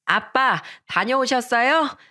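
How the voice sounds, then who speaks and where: A woman's voice: on the high side, animated, slow, bright, forceful tone, voice pushed up, full character voice. A woman doing a cheerful little boy. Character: young boy, cheerful small son. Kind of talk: radio story reading.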